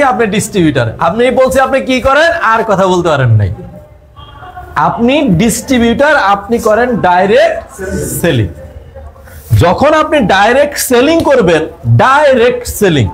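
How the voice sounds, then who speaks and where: A man with a Bangladeshi Bengali accent leading a live business seminar on direct selling. He quizzes the audience, repeats his points and mixes in English phrases. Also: extremely high pitch.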